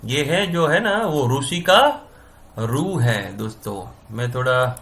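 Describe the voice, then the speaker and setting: A man teaching Sanskrit grammar in Hindi, saying each sound slowly, repeating it, and checking that his students follow. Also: mid-range voice, lively intonation, fairly bright tone. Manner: repeats sounds slowly, checks understanding with "समझ में आ रहा है ना?". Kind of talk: classroom-style explanation.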